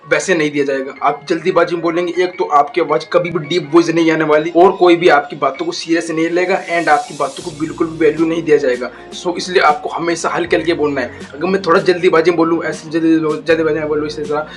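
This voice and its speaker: A young man coaching his viewers through voice exercises in a slow, deliberate way. His voice sits a bit high for a man, and soft music plays faintly behind him. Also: steady tone. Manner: slow, deliberate, addresses viewers as guys and bro. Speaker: YouTube voice coach. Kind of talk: casual tutorial talk.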